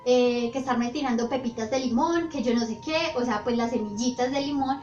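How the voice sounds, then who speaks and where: A woman's voice: fairly high pitch, animated, moderate pace, darkish tone, close to an everyday voice. A woman putting on a scolding, indignant mother. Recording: roomy, slightly dull, faint music.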